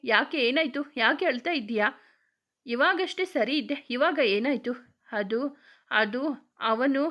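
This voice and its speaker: A woman's voice: sits high, lo-fi sound. A woman narrating a romance story, voicing every character herself with emotional, chatty delivery. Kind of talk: dramatic romance story reading.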